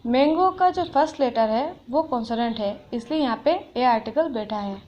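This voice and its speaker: A woman teaching an English grammar lesson, explaining patiently and reading English example sentences slowly. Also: on the high side, darkish tone, highs cut off, a little hiss or hum.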